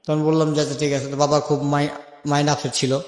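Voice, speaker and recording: The delivery is completely flat and quick, the voice a little high. A young Bangladeshi interviewee tells personal stories radio-style, speaking casually and reenacting dialogue he recalls, with the sound echoing under long reverb.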